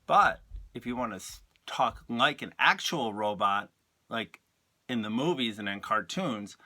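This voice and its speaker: Slow-speaking male art teacher. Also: medium pitch, expressive, pushed and bright. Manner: slow, patient, spells things out. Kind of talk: lesson for young children.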